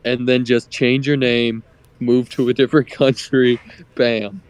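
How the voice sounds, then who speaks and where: A man's voice: mid-range voice, flat delivery, a little slow. A young man in casual chat with friends, eagerly cutting in and piling on ideas with lots of fillers. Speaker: podcast co-host.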